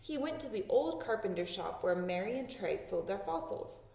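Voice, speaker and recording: A woman reads a children's storybook aloud at normal speed, delivering it expressively with a very animated pitch and acting out the sound words. The recording has a roomy echo, with the microphone placed a little way off.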